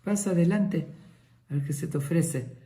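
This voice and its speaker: A gentle elderly sage, put on by a man teaching a class, lifts his voice higher than the teller's own. He asks his questions kindly and invitingly, stumbling over repeated words. The tone stays dark and gravelly underneath. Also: moderate pace, natural voice. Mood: kindly curious.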